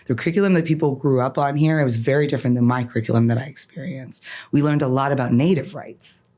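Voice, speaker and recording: She talks fast in an extremely low, dark voice with fairly even intonation. An attorney raised in Canada with Farsi as her first language, she's an earnest, emphatic podcast guest offering personal reflection, and she often ends her points with "right?"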